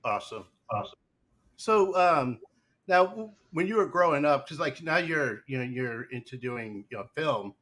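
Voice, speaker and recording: A man's voice: on the high side, animated, moderate pace, fairly bright tone. A man hosting a casual live podcast interview, talking loosely with many fillers and restarts. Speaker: podcast host.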